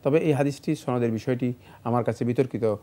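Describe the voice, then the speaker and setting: A man answering religious questions on a studio show, in a measured, explanatory way with frequent fillers. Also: mid-range voice, mellow. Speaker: Islamic scholar answering questions.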